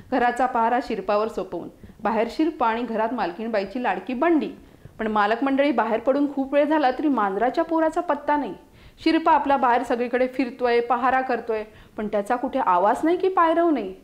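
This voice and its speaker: A woman from Mumbai, India, reading a children's story aloud in a lively way and giving each character a voice. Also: high voice, lo-fi sound. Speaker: storytelling contestant. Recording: roomy echo.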